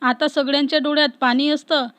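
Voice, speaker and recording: A woman reading a story aloud as narrator in a steady, even way, close to the mic. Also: sits high, fairly quick, no echo. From Maharashtra, India.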